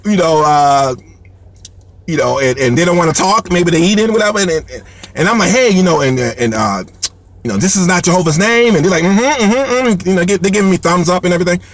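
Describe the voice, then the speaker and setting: Brief: man, high voice, animated comic storyteller, lots of fillers and restarts. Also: quick pace. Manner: heavy fillers and repeated words; animated, laughs between lines. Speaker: comedian telling a story.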